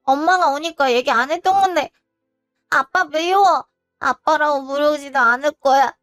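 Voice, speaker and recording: A woman voicing a hurt young girl who accuses her father in sulky, tearful tones, in an animated storybook. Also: high-pitched, moderate pace, soft background music, pitched above the performer's own voice. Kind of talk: storybook voice acting.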